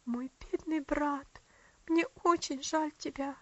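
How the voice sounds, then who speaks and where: A woman voicing a kind aunt who weeps and pleads, her voice high and breaking. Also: steady tone, slow, fairly bright tone, no echo, lo-fi sound. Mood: gentle. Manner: weeping, pleading.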